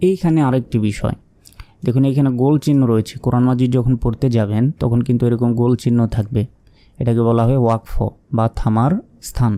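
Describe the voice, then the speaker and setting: A man's voice: medium pitch, fairly even intonation, quick pace, mellow, no room sound. A man teaching Quran reading step by step, spelling out letters and marks, asking questions and then answering them patiently.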